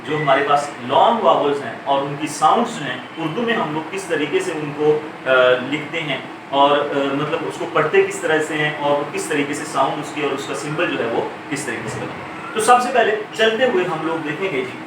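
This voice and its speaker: A man teaching English vowel sounds in a recorded lecture, explaining slowly with many fillers and self-corrections. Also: a little high. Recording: far from mic, very echoey room, clear noise.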